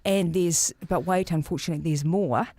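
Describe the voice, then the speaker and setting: A woman's voice: lowish voice, brisk, noisy background. A woman in her fifties, a guest giving practical, encouraging advice in an interview and affirming the host often. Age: 50s. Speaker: divorce service founder, guest.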